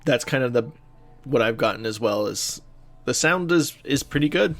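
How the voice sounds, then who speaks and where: This medium-pitched man is co-hosting a podcast and chatting casually at a moderate pace with lively intonation. It's recorded in a home office with music playing under his voice.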